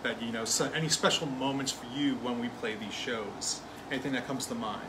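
A man's voice: medium pitch, a little fast, noisy background. Easygoing man hosting a live Q&A. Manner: easygoing, agreeable, prompting questions. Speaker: band member hosting the Q&A. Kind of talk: casual live Q&A talk.

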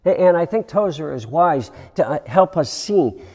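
A man preaching a sermon as pastor, slow and reflective, with dramatic pauses and hushed emphasis. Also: on the high side, animated. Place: church sanctuary. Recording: long reverb of a church hall.

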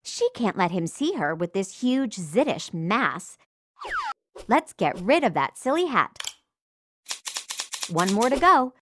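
A woman's voice: mid-range voice, very animated, takes it slowly, long pauses, noisy background. A woman voicing a perky, encouraging narrator for a children's makeover game, in an exclamatory, sing-song way. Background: music.

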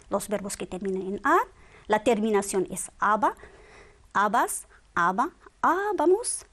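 A woman's voice: mid-range voice, fairly bright tone. A woman teaching a grammar lesson, drilling verb forms one by one with patient quiz questions. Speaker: Spanish teacher.

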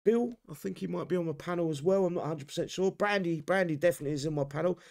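A man's voice: on the high side, rapid-fire, gravelly, darkish tone. A man hosting a gaming livestream, reading out viewers' names and stumbling over pronunciations. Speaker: livestream host. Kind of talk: casual gaming livestream chat.

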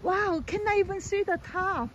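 A woman's voice: extremely high pitch, normal speed, fairly bright tone, dull audio, a little hiss or hum. A middle-aged woman chatting on a forest hike, often exclaiming and laughing, with simple non-native phrasing, recorded outdoors on a handheld phone. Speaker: vlog host. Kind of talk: casual hiking chat.

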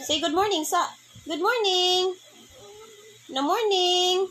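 High coaxing Filipino woman. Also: slow, fairly bright tone. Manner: sing-song coaxing, repeats prompts over and over. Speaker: caregiver filming a toddler. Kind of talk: home video, coaching a toddler.

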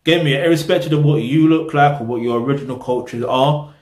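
A man's voice: mid-range voice, brisk, darkish tone. A young man, hosting a reaction video, talking casually to the camera in a small room, rambling and losing his train of thought. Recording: roomy echo.

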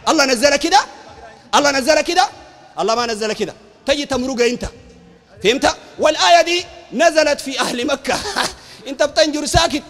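A man with a Sudanese Arabic accent, a preacher arguing emphatically in a heated public debate, often shouting and repeating phrases. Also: very high-pitched, in a large hall. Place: university hall.

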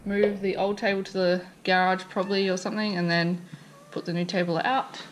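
A young woman rambles casually through her untidy house, full of ums and likes, filmed on a handheld action camera. Her voice sits mid-range for a woman, with clear background noise running under the recording. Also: medium pitch, level tone, fairly quick, low-quality recording. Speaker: vlogger. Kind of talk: casual house-tour chat. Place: messy family house, indoors. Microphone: wide-angle action camera carried by hand.

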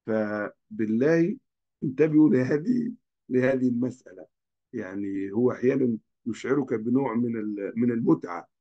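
A man's voice: mid-range voice, moderate pace, highs cut off. A man from Libya, giving a recorded course lecture to students in an earnest, cautionary way.

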